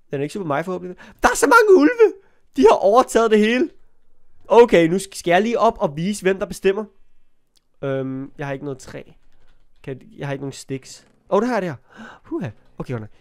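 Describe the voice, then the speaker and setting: A young man with a cold giving chatty let's play commentary on a block-building game, talking to the animals and yelping when startled. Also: a little high. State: has a cold. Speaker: gaming YouTuber.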